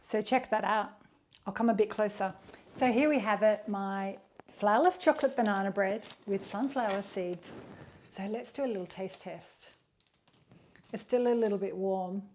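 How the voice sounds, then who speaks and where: A woman's voice: mid-range voice, normal speed, a little mellow, slight background noise. A woman hosting a casual home baking tutorial, chatty and encouraging, talking the viewer through each step in her kitchen. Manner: chatty and encouraging, talks while eating. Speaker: home baking channel host.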